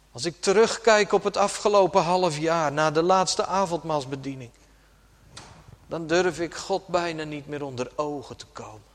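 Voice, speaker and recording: Slow, dramatic preaching man in reverb. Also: fairly high pitch. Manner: slow, dramatic preaching with sudden soft drops. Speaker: pastor. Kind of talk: sermon. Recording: long church reverb.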